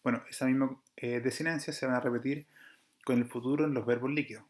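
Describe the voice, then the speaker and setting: A man's voice: medium pitch, fairly even intonation, fast talker. A man teaching an online class over slides, explaining patiently, checking in with his students and correcting himself as he goes. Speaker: Greek teacher.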